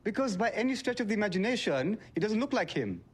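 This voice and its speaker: An insistent young delivery man, played by a man with a British accent, stubborn and exasperated. He pushes his point and will not give ground, at a middle pitch. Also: moderate pace, natural voice.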